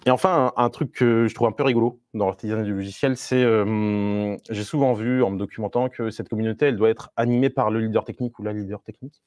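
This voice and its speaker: A man's voice: on the low side, fairly even intonation, fast talker, darkish tone, no echo. A man talking to a live online meetup audience as a Scrum Master, in a conversational way with many fillers and restarts and a few playful asides.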